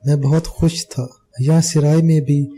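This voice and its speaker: A man with a very dark, mellow voice reads a novel aloud for an audiobook. He narrates steadily, with a measured storyteller's delivery. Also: fairly high pitch. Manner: steady storytelling, voicing all the characters.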